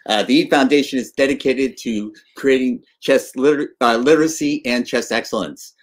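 A man in his sixties hosting a casual video-call interview, talking haltingly with many fillers and restarts. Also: medium pitch. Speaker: interview host. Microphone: webcam on video call.

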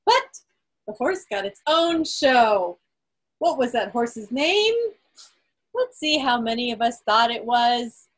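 Hosting a quiz at a club meeting over a group video call, a woman with a fairly high, slightly husky voice reads out the results. She's very animated yet measured and emphatic.

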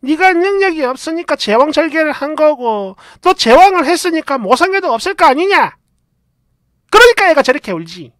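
A woman voicing a nagging older mother-in-law who scolds loudly in a shrill voice. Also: big pitch swings, normal speed, dry recording, clean studio sound. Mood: scolding.

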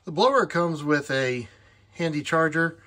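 A man in his forties giving a relaxed, plainspoken tool review to the camera inside a wooden horse barn, with lots of fillers. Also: on the high side, a little slow, background noise. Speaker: farm owner reviewing a tool. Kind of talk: casual talk to camera.

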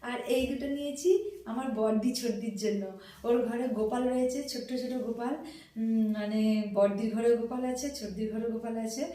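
A middle-aged woman chatting softly and gushing as she shows off things she bought. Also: on the high side, fairly even intonation, a little fast, heavy reverb, far from the mic, low-quality recording. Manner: chatty, gushing, repeats herself; soft, hushed talk. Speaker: vlogger showing purchases. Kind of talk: casual show-and-tell chat.

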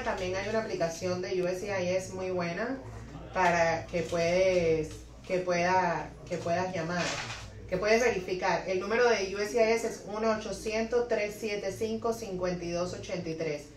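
A woman's voice: mid-range voice, fairly even intonation, moderate pace, a crowd in the background. A young woman, an immigration lawyer, answering viewer questions with practical step-by-step advice and frequent self-corrections, seated at her office desk. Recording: echoey office, voice a bit distant from the mic.

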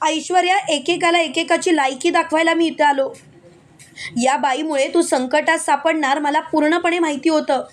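A woman's voice: high-pitched, fairly even intonation, moderate pace, natural voice. A woman reading the lines of a menacing man who claims to be a protective elder brother, in a boastful, threatening manner.

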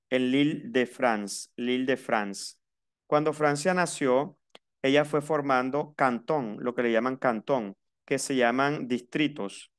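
A man with a Colombian Caribbean coast accent teaching a class, switching between Spanish and French and repeating words patiently for his students. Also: mid-range voice.

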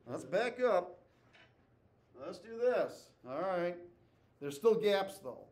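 A man's voice: sits high, lively intonation, takes it slowly, darkish tone. A man teaching a math class, asking students questions, repeating their answers and tagging "okay?" after his points. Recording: echoey classroom, voice from far off.

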